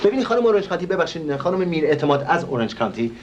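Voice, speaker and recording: A man's voice: a little high, very animated, highs cut off, slight background noise. An actor playing a flustered, overly polite male organizer in a stage comedy, talking formally and stammering as he tries to placate a visitor. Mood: placating.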